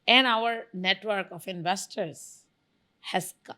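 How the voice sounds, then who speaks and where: Slow, bright, and forceful, her mid-range voice carries emphatic, enthusiastic answers to interview questions. She is a guest from Bangladesh who founded a venture studio, and she lists examples.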